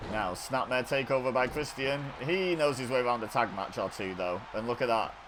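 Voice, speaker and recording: A man calling wrestling video game action play-by-play in a chatty, excitable way, often correcting himself. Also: mid-range voice, brisk, noisy background. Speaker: gaming video host. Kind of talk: play-by-play commentary over video game footage.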